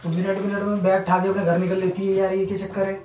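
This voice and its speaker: A man's voice: high voice, monotone, fast, darkish tone. A husband pleading and placating his angry wife during an argument at home. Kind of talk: defensive argument. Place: home bedroom. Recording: echoey room, far from mic, music behind.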